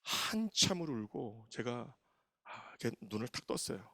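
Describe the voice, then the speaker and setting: A man in his thirties preaching, telling a personal story with animated, emotional delivery and acted quotes. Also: medium pitch, moderate pace, no room sound, clean studio sound. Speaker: pastor. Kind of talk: storytelling sermon.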